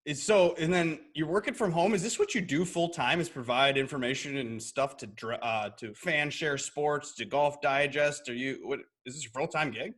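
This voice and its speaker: A man's voice: a little high, normal speed, hardly any pauses, a bit bright. A man hosting a podcast from his home garage, chatting in an upbeat, jokey way over a video call. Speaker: podcast host. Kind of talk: casual interview chat.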